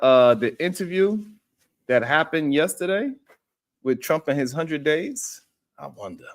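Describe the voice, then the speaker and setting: A man hosting a casual livestream, talking loosely and rambling as he greets viewers in the chat and chuckles often. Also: mid-range voice.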